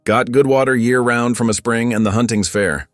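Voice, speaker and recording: A man voicing a quiet, kind, plain-spoken frontier mountain man who talks in short, drawling phrases. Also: mid-range voice, fairly even intonation, moderate pace, no echo, studio quality, faint music behind, voice pushed up, lightly acted. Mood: plain, gentle. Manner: laconic, drawling plain talk.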